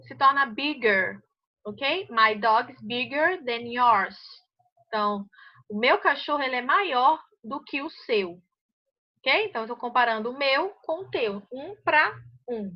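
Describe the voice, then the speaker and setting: A Brazilian Portuguese woman explains grammar rules to a class, pausing often to ask if everyone understood. Her voice sits high. The recording sounds muffled and lo-fi. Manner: patient, checks understanding often. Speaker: English teacher. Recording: muffled lo-fi audio.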